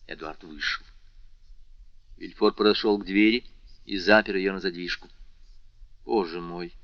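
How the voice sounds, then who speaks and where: Male audiobook narrator, low pitch, bright tense tone, dull dry recording. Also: moderate pace, dry recording. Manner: expressive literary reading. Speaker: audiobook reader. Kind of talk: scripted narration.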